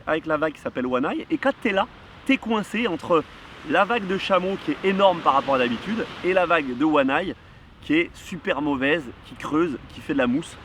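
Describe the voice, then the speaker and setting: A man, casually telling a kitesurfing story outdoors, animated and full of fillers. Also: a little high, slight background noise. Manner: lively, animated, heavy on fillers. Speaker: kitesurf vlogger. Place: outdoors near a surf spot.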